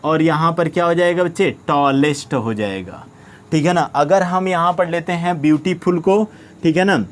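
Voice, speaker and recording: A man's voice: on the high side, normal speed, slight background noise. A man with an Indian accent teaching a grammar lesson, asking questions and answering them himself while often checking understanding. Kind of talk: classroom-style grammar lesson.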